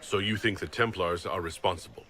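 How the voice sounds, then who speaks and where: A man's voice: deep voice, fairly even intonation, fairly quick, bright, forceful tone. An actor playing an earnest young male hero who asks questions in a game cutscene.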